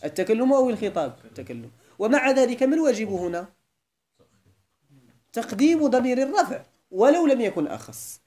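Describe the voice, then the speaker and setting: An Islamic scholar with a Moroccan accent teaches Arabic grammar, moving between classical Arabic and Moroccan dialect. His voice is high-pitched and mellow. He keeps checking that his students are following along.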